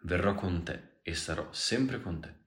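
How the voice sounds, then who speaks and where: Give me a man doing an insistent, reassuring American man with a very deep voice in an echoey room. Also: animated, unhurried, fairly bright tone. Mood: coaxing. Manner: reassuring, persuasive.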